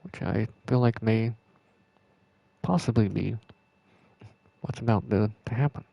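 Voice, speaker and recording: Rambling, chuckling gravelly streamer man. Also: lowish voice, a little slow, highs cut off, a little hiss or hum. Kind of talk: casual gameplay commentary.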